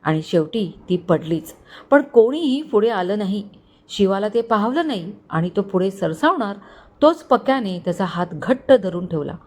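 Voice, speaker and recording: A woman storyteller reading a scripted romantic suspense story with even delivery. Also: mid-range voice, normal speed.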